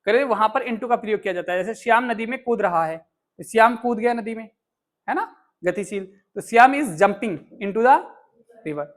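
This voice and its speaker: A man teaching English grammar to a live class, explaining slowly, repeating words and joking with and scolding his students. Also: high voice, lively intonation. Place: indoor classroom.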